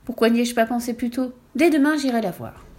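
A woman's voice: a little high, brisk, a little mellow, pitched above the performer's own voice, natural voice. A woman doing an exasperated lonely young woman. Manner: exclaiming, sighing.

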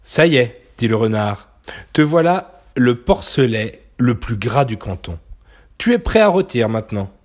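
A man's voice: mid-range voice, sing-song, unhurried. A man doing a bossy, greedy fox.

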